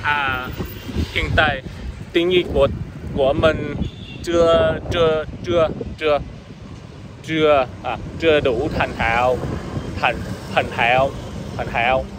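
A man's voice: a little high, steady tone, slow pace, long pauses. A man in his twenties, a native English speaker, speaking broken, foreign-accented learner's Vietnamese in a casual vlog, repeating words as he searches for them. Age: 20s. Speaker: vlogger. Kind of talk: casual walking vlog, language practice. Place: outdoors on a street between apartment buildings. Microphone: phone at arm's length. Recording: windy outdoor phone recording, clear background noise.

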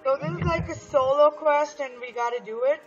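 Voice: high-pitched, brisk, over music. A young gamer hosting a casual gameplay chat over a muffled voice connection. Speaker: gaming video host.

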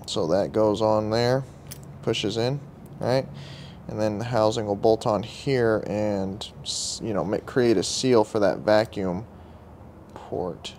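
A man's voice: on the low side, slow pace, slight background noise. Man muttering through garage repairs. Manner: relaxed, muttering asides to himself. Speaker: vlogger working on a carburetor. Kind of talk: casual running commentary while working. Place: outdoor workshop table beside a truck.

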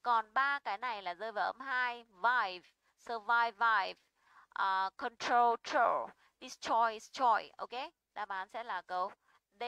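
A woman's voice: a little high, pushed and bright, clear, resonant tone, no echo, low-quality recording. A young woman teaching an English pronunciation lesson. She is patient and often checks in with her students.

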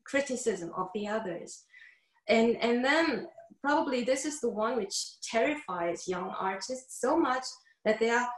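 A middle-aged woman with a fairly high voice speaks in a panel discussion over a video call. She halts and repeats words as she looks for phrasing, and the room echoes clearly around her. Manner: halting, repeats words while searching. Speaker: music teacher on a panel.

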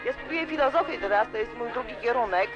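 A woman in her twenties, with a slightly high, expressive voice and a quick pace, gives a rambling, emotional interview to student radio during a party at a student club. She keeps saying "you know" while a crowd and loud music fill the background. The sound is dull and lo-fi, like an old, worn cassette tape.

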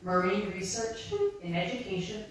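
At normal speed and medium pitch, a maritime archaeologist in her thirties gives a friendly, conversational public lecture with slides, speaking into a handheld mic to an audience in a library. The indoor room echoes heavily, her voice comes across from afar, and there's a little hiss or hum.

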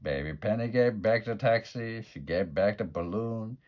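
A man's voice: on the low side, normal speed, lo-fi sound, natural voice. A man voicing a blustering male dinosaur police detective in a storybook reading, with a raised, emphatic delivery. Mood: stern.

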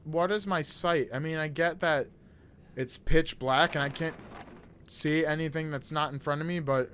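Slight background noise accompanies a twentysomething streamer giving live, jokey, nervous, casually profane reactions to a horror game, sitting close to a desktop microphone in an indoor gaming room. He speaks at a normal speed in a fairly high, steady, slightly bright voice.

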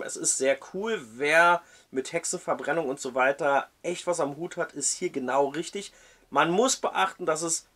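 A man reading a dark historical novel aloud in a measured storytelling way, then reviewing it as a book reviewer. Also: a little high.

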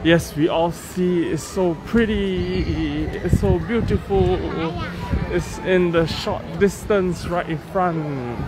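A man hosting a casual walking tour vlog, chatting as he walks and films on a phone. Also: sits high. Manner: slow, chatty, upbeat guide. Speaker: vlog host. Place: large indoor and outdoor garden complex at night. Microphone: handheld phone camera while walking. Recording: background music mixed in.

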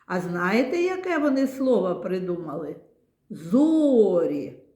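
A woman's voice: medium pitch, big pitch swings, takes it slowly, dark tone, echoey room. A woman teaching a phonics lesson to small children, talking in a patient, sing-song way. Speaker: kindergarten teacher.

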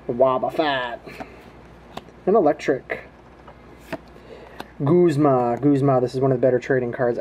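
A mellow, laid-back man with a mid-range voice chats casually as he opens trading card packs for a video, giving running commentary. He's indoors at home with his hands at a table, and there's slight background noise.

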